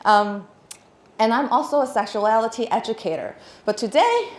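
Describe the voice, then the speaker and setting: Her voice sits on the high side with lively intonation and a normal speed. This woman in her thirties from Hong Kong, speaking with a Hong Kong accent, gives a chatty, laughing stage talk full of fillers and restarts, in a big, echoey hall before an audience.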